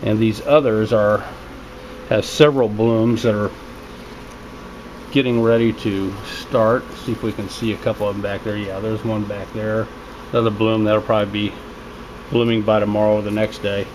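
Steady loud humming and water noise fill this recording of a home hydroponics hobbyist's video tour. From behind his handheld camera in a small basement room, he narrates at normal speed in a casual, unscripted, plain-spoken and low-key way.

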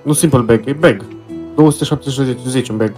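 A man's voice: mid-range voice, over music. A man, chatting casually with a friend while they play a game together, swearing now and then. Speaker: co-player. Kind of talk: casual gameplay chat.

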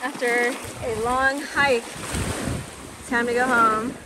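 A woman's voice: fairly high pitch, steady tone, slow pace, background noise. A young woman chatting upbeat to her phone camera on a sailboat deck, narrating her sailing trip. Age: young adult. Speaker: sailing vlogger. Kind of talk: casual vlog narration. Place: outdoor deck of a sailboat at sea. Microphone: phone held at arm's length. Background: loud background music.

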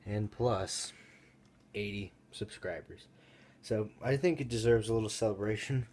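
A man's voice: lowish voice, a little slow, noisy background. A young man hosting his own gaming channel, chatting casually and rambling with fillers, sometimes talking with his mouth full. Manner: laid-back, rambling with fillers, eating while talking. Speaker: YouTube gaming channel host. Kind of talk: casual vlog chat.

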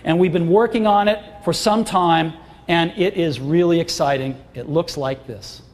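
On a large auditorium stage, a middle-aged man gives a product launch keynote full of emphatic, enthusiastic salesmanship. His voice is fairly high and his pace moderate, with long hall reverb and a faint crowd in the recording.

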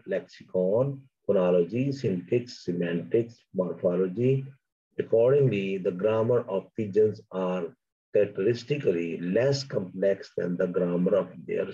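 A man's voice: fairly low pitch, dark tone, breathy edge, dull audio. A man whose first language is Urdu, giving an academic linguistics lecture. He reads from his notes, then explains in plain asides.

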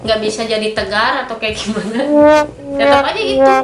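Talking about her own life, a guest in her thirties is frank and firm in this candid interview, sprinkling in lots of filler tags. She speaks briskly in a voice on the high side. The recording, made in a small pink-decorated studio, has a roomy echo and faint background music.

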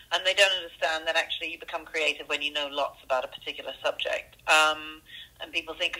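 A school headmistress who grew up in Canada speaks earnestly in a phone interview from her school office, saying "um" often. Her lowish voice sounds bright and forceful, and the audio comes through a telephone line.

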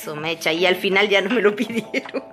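A woman's voice: mid-range voice, a little fast, fairly bright tone. A woman from Mexico, chatting casually to her viewers and rambling, repeating words and using fillers. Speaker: vlogger.

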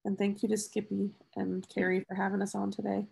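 A woman, talking quickly as she wraps up a webinar over a video call. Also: medium pitch, completely flat delivery, vocal fry, warm tone, husky. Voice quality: nasal. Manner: quick, friendly, uses y'all. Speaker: webinar presenter. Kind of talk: fast-paced webinar wrap-up.

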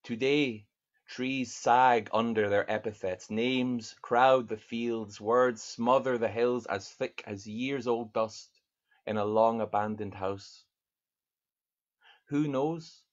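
Over a video call webcam, a man with a mid-range voice reads his poetry from a home study lined with bookshelves, and the recording is muffled. He introduces each piece earnestly and thoughtfully, then reads the verse slowly and deliberately.

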